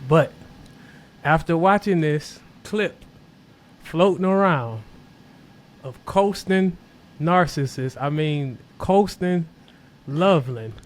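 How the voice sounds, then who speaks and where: A man's voice: fairly high pitch, slow pace, long pauses. A young man co-hosting a sports podcast, emotional and cursing as he rants about a rival team. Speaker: podcast co-host. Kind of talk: casual sports chat.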